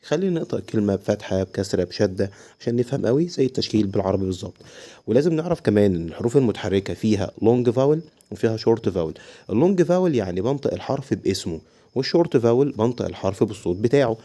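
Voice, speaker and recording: A man with an Egyptian Arabic accent teaching English vowels, asking and answering his own questions and sounding out letters slowly. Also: lowish voice, animated, dark tone. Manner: explains step by step, asks and answers own questions. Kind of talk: home-learning lesson for parents.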